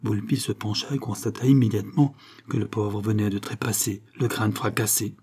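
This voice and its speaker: A man narrates a crime story as an audiobook, steady and measured. His voice is dark and mellow with a husky grain. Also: fairly low pitch.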